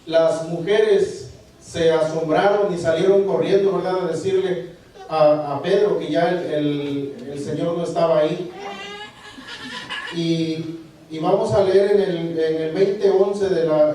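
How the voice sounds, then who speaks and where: A man preaching a sermon, halting and repeating words as he asks the congregation for agreement. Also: fairly high pitch, mellow. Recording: echoey room, voice from far off the mic.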